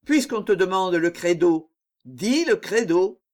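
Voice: medium pitch, big pitch swings, a little slow, voice pushed up. A reader voicing a sulky, scheming schoolmaster with a grumbling manner in an audiobook. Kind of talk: audiobook character voice.

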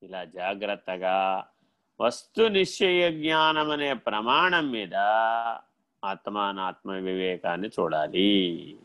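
A man giving a spiritual discourse, animated, swinging from loud rhetorical questions to quiet asides and acting out little dialogues in his own voice. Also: fairly low pitch, slow pace, long pauses. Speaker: spiritual teacher.

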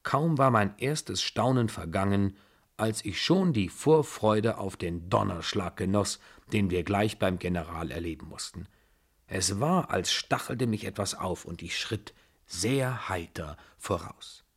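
A man reads a first-person story aloud as an audiobook, in a steady, measured delivery. His voice sits low, with a husky, slightly breathy texture. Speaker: audiobook reader. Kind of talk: scripted first-person narration.

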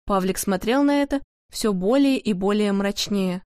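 A woman narrating a children's storybook in a lively, expressive way. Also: mid-range voice, normal speed, no echo, clean studio sound.

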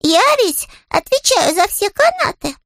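A very high, bouncy little bear voice, earnest and a bit confused, as a woman puts him on. The pitch leaps around lively, and the sound is close and dry. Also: a little slow, no room sound, full character voice. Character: small polite young male bear.

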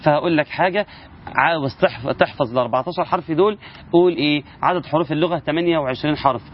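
A man's voice: a little high, racing, lo-fi sound, slight background noise. A man with an Egyptian accent, teaching Quran recitation rules in a casual spoken lesson and asking his listeners rhetorical questions. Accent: Egyptian Arabic.

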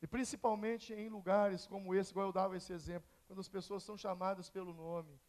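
A man's voice: high-pitched, level tone, a little fast, a little mellow. A Brazilian man preaching a sermon in church, telling stories with acted-out dialogue and firing emphatic questions at the congregation. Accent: Brazilian Portuguese. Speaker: pastor.

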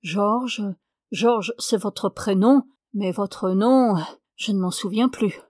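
A woman's voice: medium pitch, takes it slowly, darkish tone, no echo. A talkative traveling gambler, a man who jokes and laughs at the card table, read by a woman in an audiobook. The voice stays close and dry, with no room around it. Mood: chatty. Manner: chatty, laughing easily.

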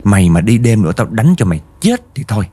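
A man's voice: lowish voice, big pitch swings, fast talker, warm tone, husky. Man voicing a furious scolding mother. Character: furious mother scolding her teenage daughter.

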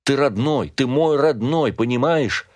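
A man's voice: lowish voice, lively intonation, moderate pace, no room sound. A man voicing a grief-stricken middle-aged father who pleads with his son, emotional and rising to anguished cries, read as an audiobook character.

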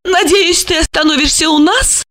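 A woman's voice: very high-pitched, normal speed, fairly bright tone, pitched above the performer's own voice. A woman voicing a rich widowed woman who is theatrical and self-pitying, talking in an affected way with sighs and exclamations. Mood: mannered.

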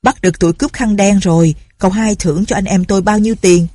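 A woman's voice: medium pitch, quick pace, dark tone, no echo, clean studio sound, natural voice. A woman voicing a blustering male village police sergeant who barks orders. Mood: gruff. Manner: gruff, barking orders.

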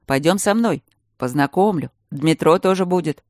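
A woman's voice: fairly low pitch, moderate pace, darkish tone, dry recording, studio quality, close to an everyday voice. A woman reading an audiobook voices a young man, a shy and earnest student who speaks hesitantly. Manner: hesitant, serious.

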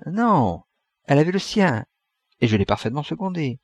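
A man's voice: a little high, very animated, moderate pace, dry recording, voice pushed up. A man reading an audiobook, voicing a mocking evil genie with curt replies. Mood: sardonic.

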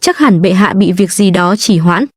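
A woman voicing a calm, gentle young nobleman disguised as a woman, speaking softly and soothingly in a read-aloud story. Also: medium pitch, normal speed, husky, no echo, clean studio sound. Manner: soft, soothing.

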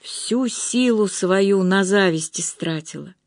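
Reader as a loyal young woman, pleading, consoling, audiobook, middle pitch. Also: slow pace, no echo. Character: worried loyal young woman comforting a friend. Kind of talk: audiobook reading.

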